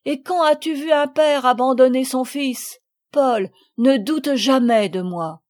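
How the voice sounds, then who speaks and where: A woman voicing a sea-captain father in an audiobook, speaking in a calm, measured, firm way. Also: mid-range voice, lightly acted. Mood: moved stern.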